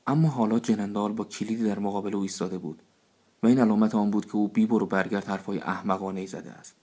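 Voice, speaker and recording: A man narrates a storybook in a somewhat low voice, keeping an even, measured pace as the tale unfolds. His reading is scripted and calm, with no theatrical flourish.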